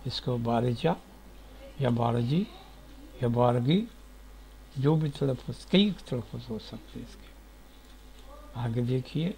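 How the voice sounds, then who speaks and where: A man teaching word origins in a slow, deliberate lecture, spelling out letters one by one, recorded in a sitting room at home. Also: mid-range voice, creaky, dark tone, rough recording. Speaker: etymology teacher.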